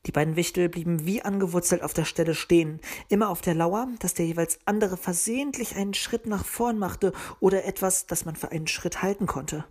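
A woman narrating a children's storybook in a calm, even storytelling manner. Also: lowish voice, brisk, hardly any pauses. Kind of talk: storybook reading.

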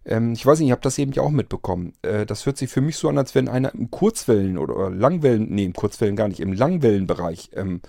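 A man's voice: on the low side, lively intonation, quick pace, vocal fry, few pauses, mellow, no room sound, studio quality. A man telling his listeners about a strange event, rambling and hesitant with many fillers and restarts. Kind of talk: casual spoken account.

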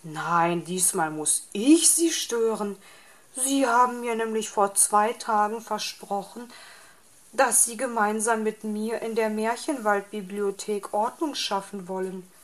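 A woman's voice: mid-range voice, a little slow, pitched above the performer's own voice, natural voice. A woman voicing a polite, fussy old male owl in a storybook reading, hooting now and then.

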